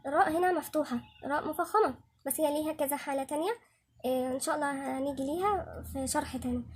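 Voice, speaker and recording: A woman's voice: high-pitched, a little mellow, a little hiss or hum. A woman with an Egyptian Arabic accent teaching Quran recitation step by step, patiently repeating each sound several times to demonstrate it. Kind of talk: step-by-step tajweed lesson.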